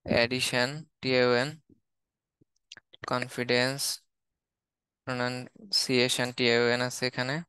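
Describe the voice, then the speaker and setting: Man slowly listing English words, flat delivery. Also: medium pitch, clear, resonant tone, dry recording. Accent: Bangladeshi. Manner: steady, listing words one by one. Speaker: English teacher. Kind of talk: reading out a word list in a lesson.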